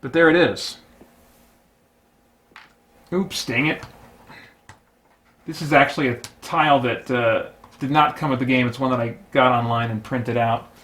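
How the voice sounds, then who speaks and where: A man plays a tabletop game solo, thinking aloud as he narrates moves and weighs rules and options. He speaks unhurriedly at medium pitch with fairly even intonation, a bit bright, pausing often.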